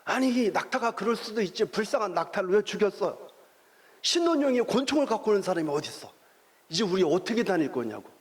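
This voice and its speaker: A male pastor voicing an indignant young newlywed wife who scolds her husband in a raised, rapid voice during a sermon story. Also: sing-song, big-room sound. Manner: shrill, rapid, exasperated scolding.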